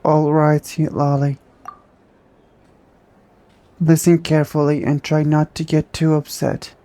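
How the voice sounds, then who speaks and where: A woman voicing a calm, kind young traveler in a video game, soft-spoken and measured. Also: low voice. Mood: gentle.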